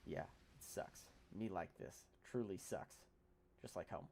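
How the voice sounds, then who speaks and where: A woman streaming a visual novel, reading its lines aloud in a dramatic low voice, with playful, giggly asides. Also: measured pace, vocal fry, darkish tone, slight background noise.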